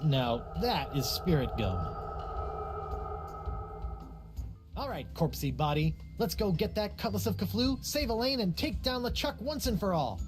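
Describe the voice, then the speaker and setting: A man's voice: high-pitched, sing-song, moderate pace, few pauses. A man voicing a wisecracking, naive young pirate hero in a comedic video game, chatty and theatrical. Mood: eager. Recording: music behind the voice.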